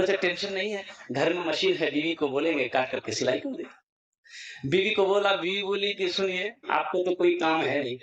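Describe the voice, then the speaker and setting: A man with a high voice preaches at a religious gathering, speaking into a stage microphone. He tells a comic folk story with animated delivery and acts out the lines of each family member in it. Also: reverberant, lo-fi sound. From Kolkata, India. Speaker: Islamic preacher.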